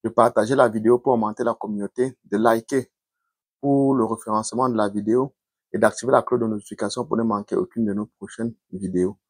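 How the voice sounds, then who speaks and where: A man giving earnest, measured commentary to his viewers in a casual vlog. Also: fairly low pitch, steady tone, slightly rough, no echo, clean studio sound.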